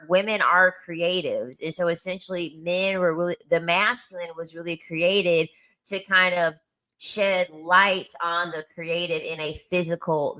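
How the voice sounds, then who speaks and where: A woman's voice: lowish voice, sharp tone. A woman chatting casually as host, telling stories from her day in a gossipy, laughing way. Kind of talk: casual livestream chat.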